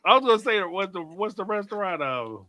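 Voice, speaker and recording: Male co-host, jokey and animated, bright, lively delivery, dry close mic. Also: sits high, fairly quick, no room sound. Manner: jokey, animated, reads viewer messages aloud. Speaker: co-host of a reality TV discussion stream. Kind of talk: casual live-stream chat.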